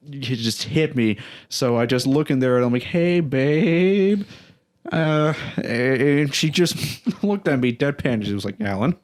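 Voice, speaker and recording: A man's voice: mid-range voice, a little mellow. A young man hosting a podcast, telling a self-deprecating story in a rambling, casual way with lots of restarts. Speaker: podcast host.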